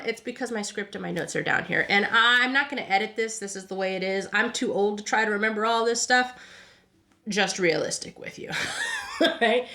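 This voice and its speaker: Here a podcast host speaks in a slightly high, sharp-toned voice. Working informally from notes, she chats her way through history, ending lines with "right?" again and again. Words trip her up, so she repeats herself and self-corrects.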